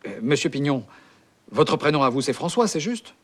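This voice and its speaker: A man's voice: fairly high pitch, big pitch swings, moderate pace. An actor playing an exasperated, impatient middle-aged man in a film comedy. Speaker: film character.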